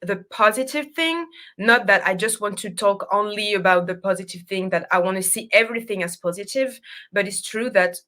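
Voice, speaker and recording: A woman's voice: medium pitch, fairly quick, sharp tone. A woman from France with a French accent, a native French speaker, a podcast guest who speaks hesitantly in English and searches for words. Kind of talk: interview.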